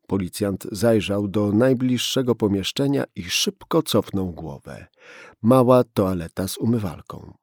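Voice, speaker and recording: A man reading a tense crime audiobook in a measured way. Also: fairly low pitch, creaky, darkish tone, breathy edge, no echo, clean studio sound. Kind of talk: scripted audiobook narration.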